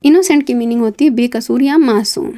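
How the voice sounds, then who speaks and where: A woman's voice: fairly high pitch, brisk, mellow. A woman teaching English vocabulary, spelling words letter by letter and repeating each meaning. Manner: adds short fillers and checks between words. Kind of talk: vocabulary lesson.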